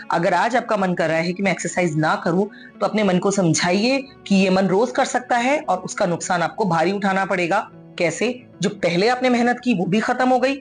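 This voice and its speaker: A woman giving an earnest, coaxing motivational talk, mixing English phrases into her speech. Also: medium pitch. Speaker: motivational speaker.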